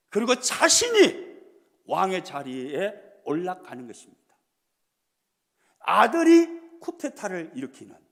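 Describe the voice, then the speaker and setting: A man's voice: high voice, a bit bright, long reverb tail. A man with a Jeolla Korean accent preaching a revival sermon, telling the story with dramatic flair. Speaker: pastor. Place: church sanctuary.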